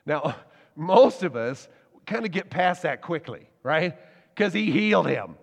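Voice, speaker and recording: Man, pastor, lively sermon, fairly high voice, long reverb. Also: unhurried, gravelly. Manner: lively storytelling, animated with laughs and acted quotes.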